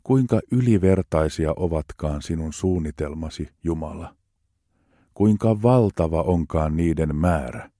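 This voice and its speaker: A man reading psalms aloud in a slow, measured, solemn way. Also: a bass voice, warm tone, dry recording, studio quality. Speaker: scripture reader.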